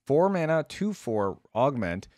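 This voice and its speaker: Seated at a desk in a small indoor room, a young adult man wears a headset and speaks into a close desk mic as a reaction video host. His mid-range, darkish voice swings widely in pitch, unhurried and dry, as he thinks aloud with casual game reaction commentary.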